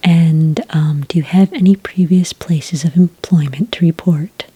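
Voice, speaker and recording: A woman speaks close to a dry microphone in a soft, breathy, near-whispered ASMR roleplay, playing a friendly, patient licensing clerk. Her low voice stays fairly even in intonation and is heavily acted, with a calm, polite, unhurried, politely official manner.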